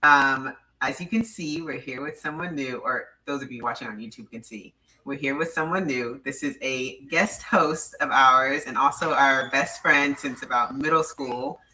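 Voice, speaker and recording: A woman in her twenties hosting a casual podcast chat, talkative and quick to giggle, with lots of fillers. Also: very deep voice, sharp tone, recorded from a distance, slight background noise, poor audio. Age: 20s. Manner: chatty, giggly, filler-heavy. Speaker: podcast host.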